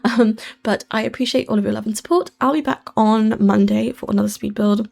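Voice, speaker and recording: British woman with whistling S sounds and creak. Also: on the high side, steady tone, a little fast, darkish tone. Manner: informal and rambling, often self-correcting. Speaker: host of a gaming build channel. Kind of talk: casual chatty voice-over commentary.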